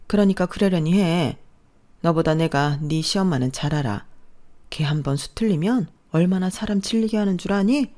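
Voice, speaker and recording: A woman voicing a kind, self-sacrificing older mother who speaks in a gentle, reassuring way. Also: low voice, lightly acted.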